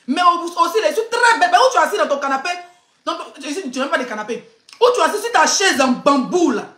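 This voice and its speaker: A woman's voice: sits high, a bit bright. A woman, a blogger and influencer chatting casually on a live stream, laughing, teasing and ranting. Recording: roomy echo.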